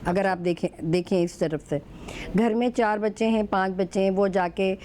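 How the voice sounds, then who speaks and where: A talk show guest, a woman with a warm, mellow voice, tells stories with animation and slips easily between Urdu and English. A faint low rumble sits under her studio recording. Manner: fluent mix of Urdu and English, animated storytelling.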